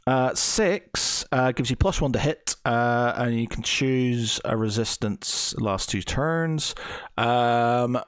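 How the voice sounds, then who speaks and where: Male game master, mid-pitched, very dry recording, stumbling and improvising through rules and narration. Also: slow pace, clear, resonant tone, no room sound. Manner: hesitant, stuttering while thinking. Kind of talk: improvised tabletop game refereeing.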